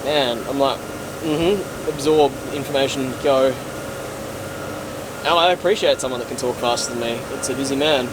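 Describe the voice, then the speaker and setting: A man's voice: mid-range voice, moderate pace, background noise. A man co-hosting a sailing vlog, chatting casually in a joking, self-mocking way. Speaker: vlog co-host, boat owner. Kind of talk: casual chat.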